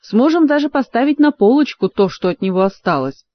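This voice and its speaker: A woman's voice: fairly high pitch, lively intonation, fairly quick, highs cut off, voice pushed up, lightly acted. A woman reading aloud and voicing a blunt, gloomy prince-warrior.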